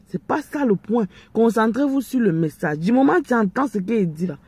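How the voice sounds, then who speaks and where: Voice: mid-range voice, expressive, brisk, a little mellow, husky. A speaker with an Ivorian French accent giving preachy, confrontational commentary straight to the viewers. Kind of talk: direct-to-camera commentary.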